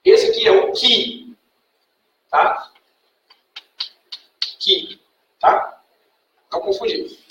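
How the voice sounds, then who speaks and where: A Brazilian Portuguese-speaking man teaching a class, patiently quizzing students and checking in with a quick "tá?" after each point. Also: sits high, far from the mic, noisy background. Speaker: Greek language teacher. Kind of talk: classroom lecture. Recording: echoey classroom recorded from afar.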